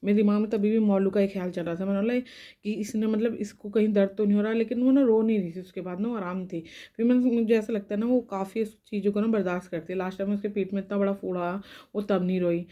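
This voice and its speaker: Talking fast in a warm, fairly even mid-range voice, a young woman vlogs a meandering personal story on a muffled recording. Her sore tongue and lips make her pick her way around the pain, and she often starts sentences over.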